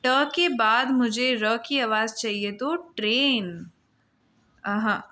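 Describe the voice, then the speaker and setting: A woman teaches young children, taking her time and breaking each word into its sounds. Her voice sits a little high and rings bright and forward. She speaks unhurriedly, like a patient schoolteacher. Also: takes it slowly. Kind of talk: Hindi lesson for young children.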